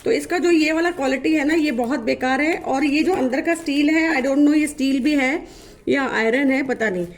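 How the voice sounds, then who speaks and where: Chatty and filler-heavy, a woman vlogs to the camera and shows off items while complaining that they're of poor quality. She has a high voice, talks at a normal speed, and the recording is reverberant.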